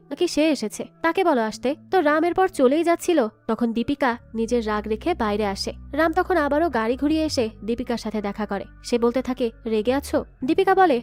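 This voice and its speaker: A woman's voice: high-pitched, a little mellow. A woman narrating a movie recap in a scripted style, reading the characters' lines aloud herself with a slightly lifted voice. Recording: background music.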